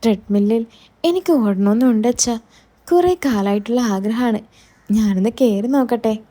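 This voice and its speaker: A caring young daughter-in-law, affectionate and soothing, as a woman voices her in a told story. Her voice sits fairly high and mellow, coaxing and reassuring. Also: normal speed, close to an everyday voice. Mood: chatty.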